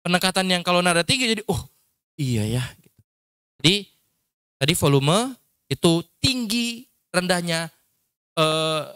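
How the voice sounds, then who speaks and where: A man's voice: a little high, pushed and bright, smooth, no echo, clean studio sound. A man teaching public speaking to a group in a casual workshop lecture, explaining points and demonstrating tones with his voice. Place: training session at an Islamic school.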